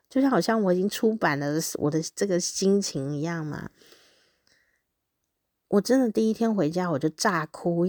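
A woman, reading her own diary aloud as a podcast host in a candid, animated way, often breaking into laughs. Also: lowish voice, no room sound, studio quality. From Taiwan.

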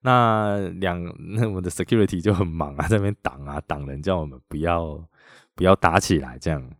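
A man's voice: low voice, brisk, dry recording, clean studio sound. A middle-aged man with a Taiwanese Mandarin accent, hosting a podcast and animatedly retelling a personal story in a chatty way. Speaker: podcast host.

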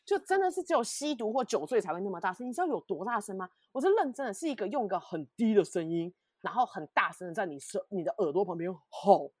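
A woman co-hosting a casual podcast chat, telling stories with animated, emphatic repetition. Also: medium pitch, fast, hardly any pauses, breathy edge, dry recording, studio quality. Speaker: podcast co-host.

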